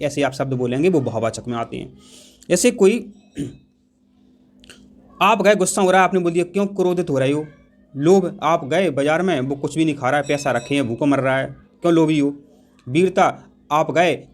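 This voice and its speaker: A man teaching an exam-prep grammar lesson, repeating key points and putting questions to the class. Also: on the high side. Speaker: Hindi teacher.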